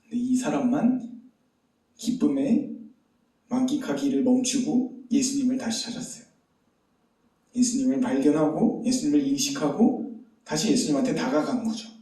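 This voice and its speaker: A man's voice: medium pitch, normal speed, pauses often, warm tone. A man preaching a sermon as pastor, telling a story and asking the listeners rhetorical questions. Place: church sanctuary. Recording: very echoey hall, distant mic.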